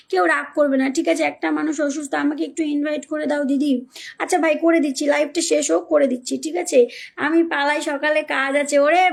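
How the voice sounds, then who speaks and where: A woman's voice: sits high, vocal fry. A woman hosting a casual live stream, reading out viewer comments and coaxing viewers in a pleading, repetitive way. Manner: pleading, coaxing viewers, repeats names and phrases.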